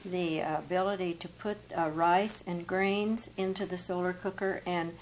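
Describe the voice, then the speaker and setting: An older woman, a guest on a TV studio panel, chats indoors on set, offering practical home cooking tips in a homely, conversational way. Her voice is fairly low and fairly even, her pace measured, with slight hiss or hum in the recording.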